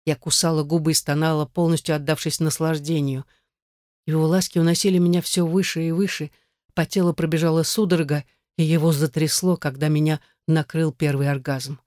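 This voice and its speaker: A male audiobook reader in steady, even scripted narration. His voice sits a little high for a man. The recording is dry and close, with no room sound. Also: fairly quick, no room sound.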